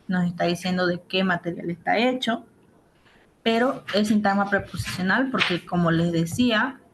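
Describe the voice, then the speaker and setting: A woman's voice: mid-range voice, a little hiss or hum, poor audio. A woman teaching assistant giving an online grammar lesson, explaining step by step and checking in with her students.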